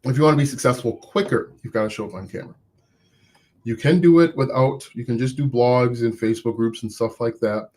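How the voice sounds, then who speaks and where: An online business coach speaks to his live-stream viewers in a middle-pitched, darkish voice at a fairly quick pace. Casual and encouraging, he frequently restarts his sentences and notes that he has an accent too.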